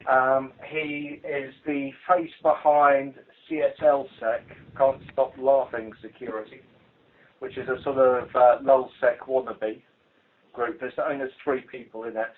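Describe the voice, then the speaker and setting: In an unhurried, mid-range voice with little pitch movement, a British man delivers an informal police investigation briefing over the phone. He's dry, blunt, and hesitant; the conference call recording sounds muffled.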